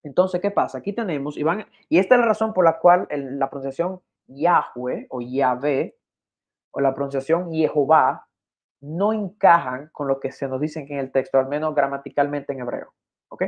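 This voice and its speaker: Male guest expert, patient teacher tone, repeats points; a touch high, dull recording. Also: moderate pace. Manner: patient, repeats himself, checks in with "¿ok?". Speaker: guest explaining biblical Hebrew. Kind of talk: teaching over a shared screen.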